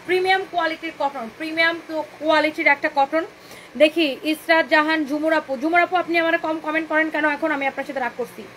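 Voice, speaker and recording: Fast, high-voiced woman selling live. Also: little pitch movement, a bit bright, slight background noise, low-quality recording. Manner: chatty, repetitive hard sell, mixes in English phrases; bantering with viewers' comments. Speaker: boutique owner hosting a live sale. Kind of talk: live-stream sales pitch.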